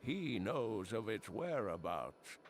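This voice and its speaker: An actor playing an old male sage and scholarly storyteller in a video game, speaking in a gravelly, measured way. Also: on the low side, big pitch swings, heavy background noise. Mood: solemn. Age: older.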